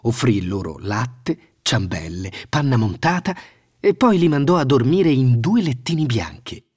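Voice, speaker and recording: A man narrating a fairy tale in a scripted, expressive storytelling manner. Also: medium pitch, measured pace, slightly rough.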